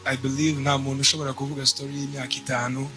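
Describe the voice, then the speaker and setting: A young man from Rwanda giving a church testimony in short, measured phrases, pausing for an interpreter. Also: medium pitch, level tone, over music. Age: young adult. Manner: measured, speaks in short bursts.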